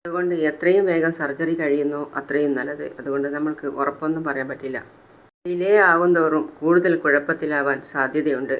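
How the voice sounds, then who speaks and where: A narrator voicing a calm hospital doctor explaining an urgent surgery. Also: male voice, on the high side, brisk. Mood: grave. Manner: matter-of-fact.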